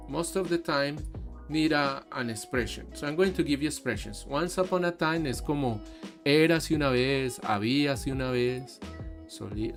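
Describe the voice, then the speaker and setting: A man teaching an online English class, explaining slowly and mixing Spanish with English. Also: medium pitch. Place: online class over a video call. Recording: faint background music. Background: soft background music.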